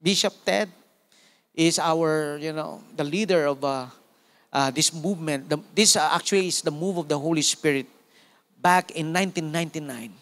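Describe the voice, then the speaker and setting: A Filipino-accented male pastor in his forties preaches with lively energy, punctuating his points with amen and praise God. His voice sits a little higher than most men's. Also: moderate pace. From Philippines. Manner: animated preaching with frequent call-outs of amen and praise God. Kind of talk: sermon.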